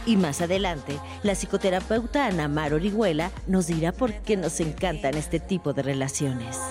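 A woman reads a promo announcing the coming guests. Her voice sits fairly low and clear music plays behind it. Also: normal speed. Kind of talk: promo voice-over. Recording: voice-over over music.

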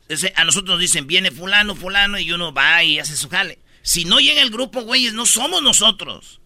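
A man's voice: high voice, fairly quick, dry recording. A man with a Mexican accent hosting a radio show, chatting casually with slang and acting out voices. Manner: animated, slangy, acts out voices. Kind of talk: casual comic radio chat.

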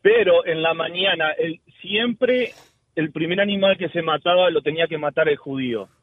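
Guy on a tinny phone line, kinda high voice, rambly, dead dry sound. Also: moderate pace, no room sound. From Uruguay. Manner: rambling, with frequent restarts. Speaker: caller. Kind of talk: casual call-in storytelling. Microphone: telephone.

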